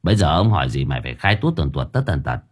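A man's voice: extremely low pitch, very animated, racing, slightly rough, voice pushed down, exaggerated voice. A man playing a boastful, crude old exorcist who talks with swaggering threats. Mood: cocky bragging.

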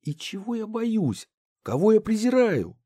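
A man's voice: high voice, big pitch swings, a little slow, mellow, no echo, clean studio sound, voice pushed up, full character voice. A man reading a storybook, voicing a pompous town mayor who is easily rattled and indignant. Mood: flustered.

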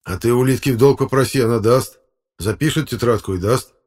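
A man voicing a brash, tipsy older village electrician who talks back defiantly and shouts. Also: mid-range voice, a little fast, voice pushed up, lightly acted. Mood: wheedling.

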